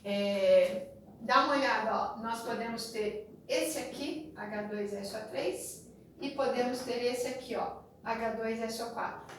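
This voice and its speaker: A woman's voice: on the high side, unhurried. Echoey Brazilian woman teaching chemistry. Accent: Brazilian Portuguese. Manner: chatty, repeats a sing-song memory rhyme. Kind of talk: classroom lecture. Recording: very echoey room, distant mic, faint noise.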